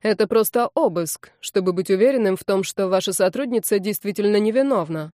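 A woman's voice: mid-range voice, expressive, brisk, warm tone, no room sound, clean studio sound, natural voice. A woman voicing a cold, stern man giving hard, clipped warnings. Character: cold, stern male security chief.

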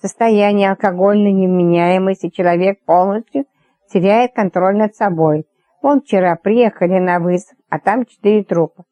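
A stern, blunt doctor speaks in flat, matter-of-fact warnings, as a woman narrator voices him in a storybook reading. The tone is mellow and low-key. The recording is dry and close. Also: normal speed, no room sound, lightly acted.

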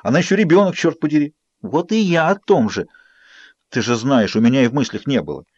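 A man's voice: mid-range voice, expressive, fairly quick, no echo, muffled recording, lightly acted. A man reading an audiobook voices a young werewolf man who pleads and defends himself. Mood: pleading.

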